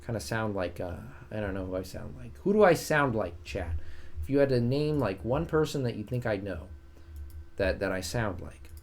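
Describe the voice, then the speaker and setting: A man with a fairly low, soothing voice streams a strategy game at a moderate pace, sounding animated. He chats casually with his viewers, reading and answering their messages, and often jokes at his own expense.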